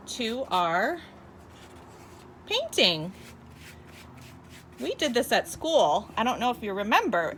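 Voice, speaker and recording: A woman's voice: on the high side, a bit bright, slight background noise. A woman talking like a kids show host, in a child-directed, sing-song teacher's manner, guiding young viewers through a hands-on demonstration. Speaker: children's teacher presenting a home activity. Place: inside a home.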